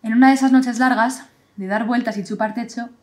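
A young actress playing a young woman who feels nothing, speaking in a quiet, detached monologue. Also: a little high, fairly even intonation, brisk, lightly acted. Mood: wry, reflective. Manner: quiet, hushed and detached delivery. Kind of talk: theatrical monologue. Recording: voice from a distant mic.

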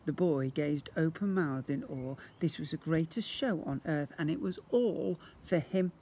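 This man reads a children's story aloud in an animated, expressive way, acting out the sound effects for young listeners. His voice is a little high, a little slow, and slightly rough. He's outdoors next to brick houses, captured on a phone or camera at roughly arm's length.

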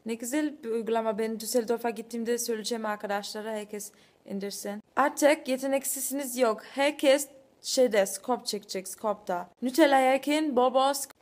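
A woman's voice: fairly high pitch, moderate pace. A young woman. She talks casually into her phone, as in a selfie clip. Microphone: phone at arm's length.

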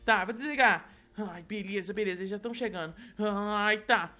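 A young man with a Brazilian Portuguese accent hosting a playful Minecraft roleplay, animated and whiny. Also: high-pitched, moderate pace. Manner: animated, jumps between whining and joking.

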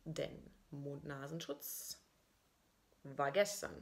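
A woman's voice: low voice, drawn-out words. A woman reading her own first-person diary-style story aloud in a dry, ironic manner.

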